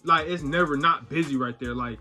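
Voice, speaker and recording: A man's voice: a little high, brisk, faint music behind. A young man telling a funny story in casual slang, acting out the quotes as he goes. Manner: slangy, animated retelling with voiced quotes. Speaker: vlogger.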